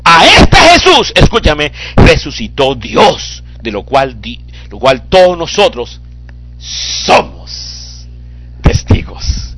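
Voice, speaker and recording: A man delivers a fiery sermon with a fairly high, bright, forceful voice that leaps all over its range. He drops to hushed near-whispers, then surges into tearful shouting. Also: huge pitch swings, slow pace, husky. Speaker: preacher.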